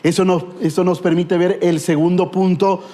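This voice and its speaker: A man's voice: high-pitched, flat delivery, normal speed, warm tone. A middle-aged man preaching a sermon with a Guatemalan Spanish accent, telling stories with humor and rhetorical questions.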